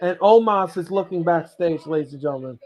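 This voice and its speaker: A man co-hosting a live wrestling watch-along, chatting in a halting way and often repeating his phrases. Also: fairly high pitch, a little mellow. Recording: dull lo-fi online stream audio.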